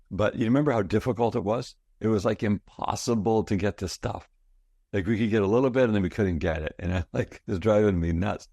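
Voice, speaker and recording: A man's voice: low-pitched, creaky, darkish tone, slightly rough, dry recording, studio quality. A man in his sixties, a guest talking casually and enthusiastically in an interview, telling stories and often repeating words. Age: 60s. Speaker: guest, product founder.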